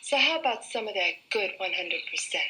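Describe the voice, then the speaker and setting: A woman's voice: medium pitch, lively intonation, a little fast, noisy background, natural voice. An actress playing a sassy, brash young woman in a film clip, drawling as she wheedles. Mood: wheedling.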